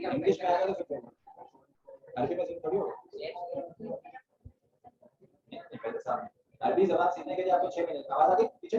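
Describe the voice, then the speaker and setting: A man's voice: high voice, a little mellow. A man teaching an Arabic grammar class, quizzing students and often checking "theek hai?". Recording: roomy, muffled classroom audio from a distant mic.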